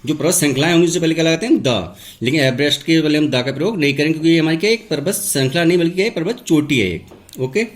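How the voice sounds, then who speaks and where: A man teaching English grammar. He asks a question and then answers it himself. He repeats each key word slowly, like a classroom teacher. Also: fairly high pitch. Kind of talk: classroom lesson, step-by-step explanation.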